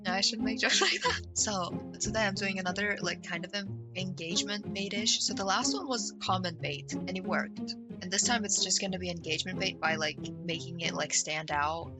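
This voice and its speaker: A woman chatting in an unscripted vlog, excitable and rambling and quick to laugh, recorded on an older microphone. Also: fairly low pitch. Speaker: VTuber content creator. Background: background music.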